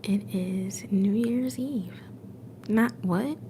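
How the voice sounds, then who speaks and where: A woman speaks very slowly in a mid-range voice on her whispered ASMR livestream at home, shifting from soft whispers to a soft-spoken tone. She gently greets viewers in chat through a phone set a little way off, with background noise present.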